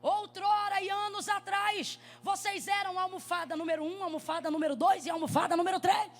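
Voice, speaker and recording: A Brazilian woman preaching a sermon at a church conference, telling stories with a lively, animated delivery that rises into shouts. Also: very high voice, a little fast. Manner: animated storytelling, rising to shouts.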